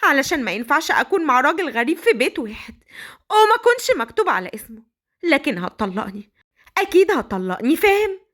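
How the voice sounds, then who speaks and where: A woman voicing a frightened young captive bride, pleading in a high, tearful Egyptian voice. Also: big pitch swings, fast talker, fairly bright tone. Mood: defiant. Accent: Egyptian Arabic.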